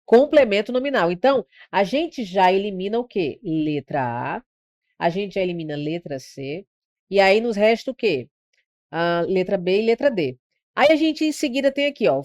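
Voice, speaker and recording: A woman's voice: mid-range voice, expressive, moderate pace, darkish tone, dry recording. A Brazilian woman teaching grammar for exam prep, her voice recorded close and dry with no room sound. She explains patiently, poses questions to her students and stretches out words to mark their stressed syllables. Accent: Brazilian Portuguese. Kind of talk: online grammar lesson.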